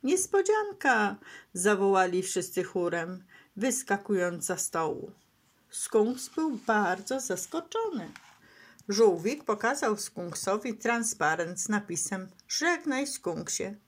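A woman storyteller reading a bedtime tale to children. She reads slowly and gently, and her pitch rises and falls expressively with each sentence. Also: animated.

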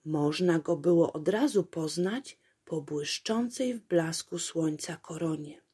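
A woman reading a children's fairy tale aloud in a gentle storytelling cadence. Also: low-pitched, takes it slowly, husky.

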